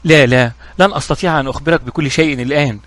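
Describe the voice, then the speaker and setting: A man's voice: on the high side, fairly bright tone, no room sound, natural voice. A man reading a frightened, stammering thief. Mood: fearful. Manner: stammering, rushed.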